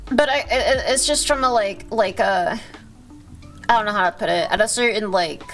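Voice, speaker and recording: A woman hosting a casual livestream, chatting with viewers in a rambling, halting, slangy way with frequent self-interruptions and swearing. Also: medium pitch, soft background music, poor audio. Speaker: livestream host.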